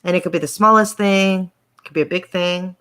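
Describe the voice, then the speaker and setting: A woman's voice: on the low side, fairly even intonation, a little fast, pushed and bright, clear, resonant tone. A woman hosting a casual chat over a video call, speaking in an encouraging, emphatic way and often tagging her points with a question. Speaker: host.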